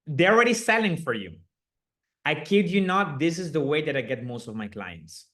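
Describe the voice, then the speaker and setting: His voice is fairly high and bright, forceful, with big swings in pitch and a normal speed. He's an upbeat man with a slight Aruban accent, a native Papiamento speaker, coaching live online via video call in a chatty, encouraging way and laughing easily between points.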